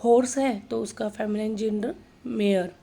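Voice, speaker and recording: A woman teaching a grammar class at a slow, deliberate pace, spelling out word lists one item at a time. Her voice is fairly high, with a gravelly edge. Her tone is dark and mellow, and she keeps checking in with short tag questions. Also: steady tone. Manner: slow, dictating word lists, mixes English into Hindi; tag questions like "है ना" between points. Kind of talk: grammar lesson for exam prep.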